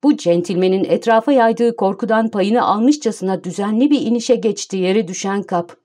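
A woman narrating an audiobook in a measured, storytelling manner. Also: medium pitch, mellow. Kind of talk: scripted narration.

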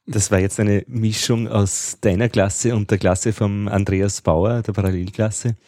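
A man's voice: lowish voice, steady tone, unhurried, a little mellow, no echo, clean studio sound. A man interviewing a guest, asking conversational, probing questions.

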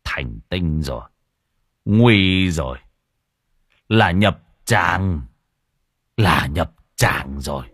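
A man's voice: low-pitched, expressive, very slow, pauses often, a bit bright, husky, no echo, clean studio sound, voice pushed down, full character voice. A man voicing an old Buddhist monk who gives grave, urgent warnings about a demon. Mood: alarmed.

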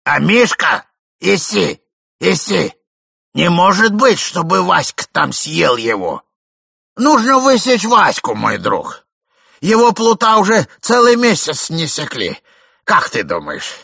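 A man voicing a fussy, doting old husband who shouts in alarm. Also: high voice, measured pace, vocal fry, breathy edge, dry recording, studio quality, voice pushed up, exaggerated voice. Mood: alarmed shouting. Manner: excited shouting.

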